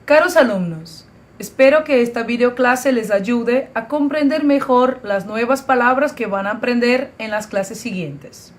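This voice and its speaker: Slow, careful teacher woman, higher voice. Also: lively intonation. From Brazil. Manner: spells out letters and example words one at a time. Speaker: language teacher. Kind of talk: slow, careful video lesson.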